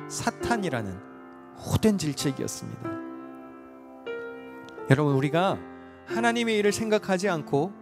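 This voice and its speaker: A man preaching a sermon in a large church, dramatic and acting out the voices he quotes. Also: high-pitched. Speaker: pastor. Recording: echoey hall with faint music.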